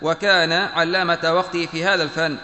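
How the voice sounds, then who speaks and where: A man giving a lesson, reading a classical text aloud in a measured, careful way, often repeating phrases to fix a slip. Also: a little high, little pitch movement, bright, forceful tone. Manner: measured, pedantic spelling out of vowels, repeats phrases when correcting. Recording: echoey room with long reverb.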